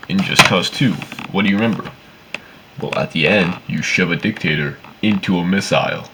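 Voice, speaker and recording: A man's voice: deep voice, moderate pace, bright, forceful tone, a little hiss or hum. A man giving casual, opinionated game commentary in a rambling, sweary, complaining way. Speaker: video game reviewer.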